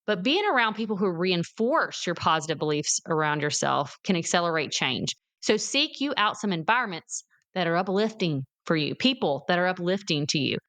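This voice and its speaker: A woman's voice: fairly low pitch, big pitch swings, normal speed, fairly bright tone. Middle-aged woman, lilt, solo motivational podcast host, emphatic and cheering, clean resonant tone. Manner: encouraging, emphatic, addresses listeners as "guys" and "y'all".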